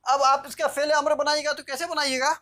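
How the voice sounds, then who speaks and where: Teaching Arabic grammar online in a live video session, she speaks briskly in a high, sharp voice with a level tone. She explains things one step at a time and repeatedly asks "theek hai na" to confirm students are keeping up.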